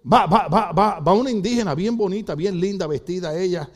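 A man's voice: high-pitched, fairly quick. An older Puerto Rican man preaching a sermon in church, telling comic stories and acting out voices. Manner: animated, comic storytelling with acted-out voices.

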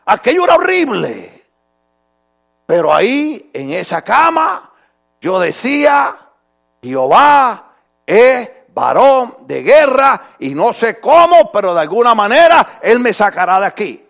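Man, pastor, fervent sermon, very high voice, gravelly. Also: big pitch swings, a little slow. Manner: fervent, swings from quiet talk to shouting; addresses listeners as brother.

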